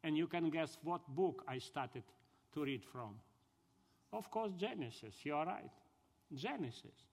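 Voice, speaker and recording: Ukrainian-accented man with a high voice. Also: expressive. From southern Ukraine. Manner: halting, earnest storytelling in broken English. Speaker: speaker giving his testimony. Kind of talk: personal conversion testimony. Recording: long hall reverb.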